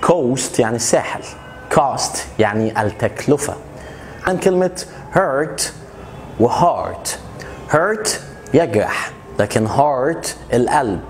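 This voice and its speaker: A man with an Egyptian Arabic accent teaching English pronunciation, explaining quickly and stretching out the English model words slowly. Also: mid-range voice, animated, a little hiss or hum. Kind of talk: pronunciation lesson.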